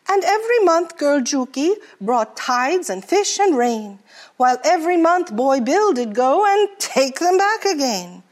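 A man's voice: very high-pitched, exaggerated voice. A woman voicing a seafaring merchant from the far north who tells a tender moon legend in rhyme. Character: gentle Icelandic sailor-merchant, fond storyteller.

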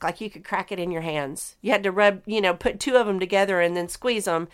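Lady podcaster rambling on, laughs a lot, smooth clear voice, mid pitch. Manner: chatty, rambling, laughs often. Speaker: podcast host. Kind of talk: casual solo podcast chat.

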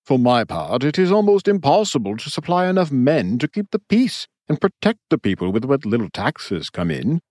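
Man reading a smooth, genial lord in his forties, measured and lively in pitch, dry close sound. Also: dry recording. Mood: concerned. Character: charming middle-aged male ruler, smooth.

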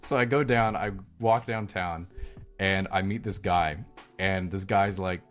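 A man's voice: sits low, fairly even intonation, a little slow, a bit bright, soft background music. A young man telling a story from his life in a rambling, sardonic way, swearing now and then. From British Columbia, Canada. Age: young adult. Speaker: vlogger. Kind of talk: casual storytelling.

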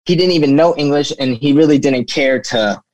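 Speaking as an interview guest, a young flooring business owner, Turkish-born and raised in the United States, casually shares his personal story and leans on "you know" a lot. His mid-range voice is brisk with a darkish tone, and there's no room sound.

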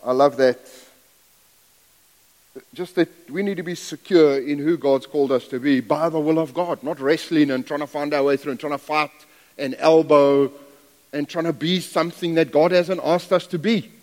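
A man's voice: a little high, steady tone, normal speed, a little mellow. Folksy preacher man in a reverberant church. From Zambia, raised in South Africa. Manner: folksy, self-deprecating, rambling asides. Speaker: guest preacher. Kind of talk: sermon. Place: church sanctuary. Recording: long hall reverb.

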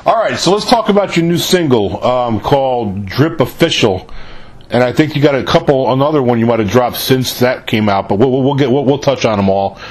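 A man hosts a casual interview show, firing off questions in a chummy, informal style and saying "man" a lot. His medium-pitched voice is animated and brisk, with a slightly dark tone.

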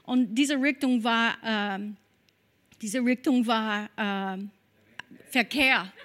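A woman from Kentucky, preaching a sermon and telling a personal story with lively storytelling and prayer in tongues. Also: on the high side, drawn-out words. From Kentucky, USA.

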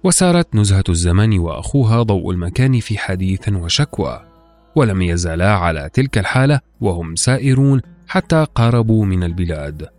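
A man's voice: sits low, sing-song, brisk, darkish tone. A man reading a scripted classical folktale as a formal, literary storyteller. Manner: formal literary storytelling, acting out quoted dialogue. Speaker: storytelling podcast narrator. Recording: dry recording with music underneath. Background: music.

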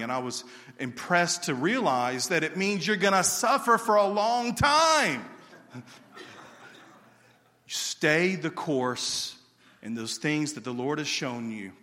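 Man, sermon, earnest, bright tense tone, long hall reverb. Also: on the high side, unhurried.

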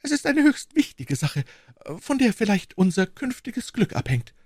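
An earnest young wife, as a male reader puts her on in an audiobook. She speaks urgently, with a high voice that moves a lot in pitch. The sound is close and dry. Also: very animated, moderate pace, a little mellow, no echo, heavily acted. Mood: urging. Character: anxious, determined young wife. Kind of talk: audiobook reading.

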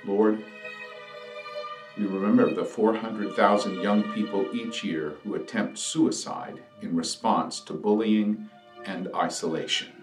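A man reads scripture and asks reflective questions in a slow, deliberate, solemn manner. His voice is low and sounds distant in an echoey room. Quiet instrumental music plays underneath. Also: fairly even intonation. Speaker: scripture reader leading prayers. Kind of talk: Good Friday scripture reading and prayer.

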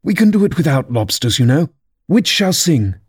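A man voicing a mournful, excitable turtle creature from a children's storybook, with a dramatic, wistful, drawn-out delivery. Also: on the high side, husky, no room sound, studio quality, voice pushed up. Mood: eager, sad. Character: mournful, excitable Mock Turtle, an old sentimental sea creature. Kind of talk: children's storybook character reading.

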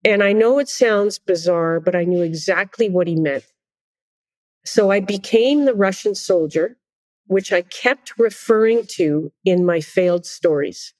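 A middle-aged woman, a conductor and interview guest, telling animated, self-deprecating stories in casual conversation. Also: medium pitch, a little slow, no room sound. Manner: animated, self-deprecating anecdotes with frequent laughter.

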